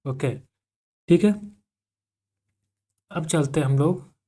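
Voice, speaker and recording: A man's voice: a little high, dark tone. A man teaching an electrical engineering class, asking the class questions and repeating key terms as he dictates notes. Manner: dictates slowly for note-taking.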